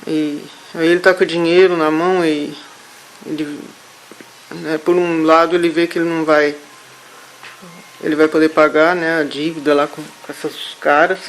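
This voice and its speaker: A man haltingly recounting a vision during a therapy session, with many restarts. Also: fairly high pitch, little pitch movement, fairly bright tone, a little hiss or hum, low-quality recording. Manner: halting, hesitant, full of restarts. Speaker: therapy client.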